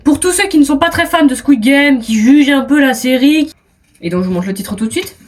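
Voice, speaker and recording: A teenage girl with a French accent chats in a high voice, poking fun at herself. She stumbles, restarts and lets sentences trail off. A faint hiss sits under the recording. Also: expressive, fairly quick. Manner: self-mocking, hesitant restarts, trailing off. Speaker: vlogger. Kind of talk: casual chat.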